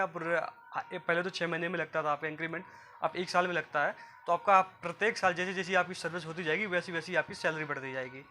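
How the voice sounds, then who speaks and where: A man with a high-pitched, sharp voice presents job guidance in an informal, repetitive explainer for viewers, often calling them friends. There's slight background noise.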